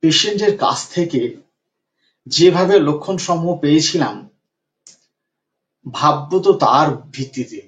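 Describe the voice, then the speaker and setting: A man's voice: a little high, expressive, a little slow, pauses often, a bit bright. A man working as a homeopathic doctor, retelling a patient's case and repeating phrases for emphasis. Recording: dull lo-fi recording.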